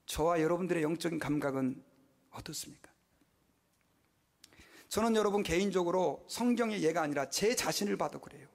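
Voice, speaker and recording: A man in his fifties, a pastor preaching a sermon with emphatic, animated delivery, rhetorical questions and acted-out quotes. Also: high-pitched.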